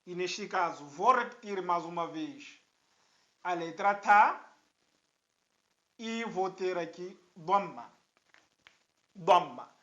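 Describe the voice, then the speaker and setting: A woman teaching an Arabic alphabet lesson step by step, repeating each syllable slowly for learners to echo. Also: fairly low pitch, animated, fairly bright tone. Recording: dull lo-fi sound.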